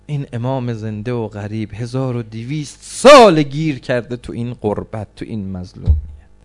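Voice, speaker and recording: A man's voice: medium pitch, animated. Man preaching an impassioned mourning sermon. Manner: impassioned lamenting recitation. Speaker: preacher reciting a mourning lament.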